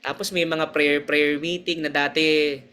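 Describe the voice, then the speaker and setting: A man's voice: fairly high pitch, little pitch movement, unhurried, sharp tone. A young man from the Philippines giving a personal church testimony in an earnest, chatty way, switching between Tagalog and English and laughing often. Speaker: church member sharing testimony.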